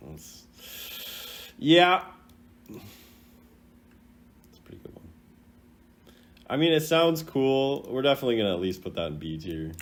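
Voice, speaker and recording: A video host rating game voice lines gives casual, off-the-cuff commentary, rambling and playfully opinionated. His mid-range voice has lively intonation, and he talks a little slowly with frequent pauses.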